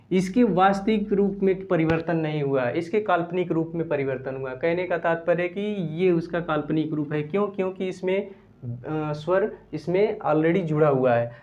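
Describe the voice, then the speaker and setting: A man teaching a grammar lesson, explaining step by step, repeating phrases and dictating definitions slowly word by word. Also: fairly high pitch. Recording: dull lo-fi recording.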